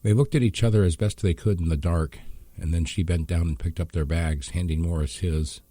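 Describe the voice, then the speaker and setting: Low gravelly-ish guy reading an audiobook, dark mellow tone, dry close sound. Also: steady tone, a little fast, dry recording. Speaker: audiobook narrator. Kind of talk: scripted narration.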